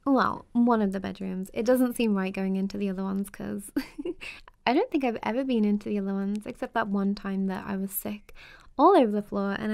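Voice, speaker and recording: Here the same kind of intimate ASMR roleplay features a young woman as a warm, playful best friend, her voice a little high and gravelly in a dry recording. Her casual chatter is giggly and teasing, yet somewhat hesitant.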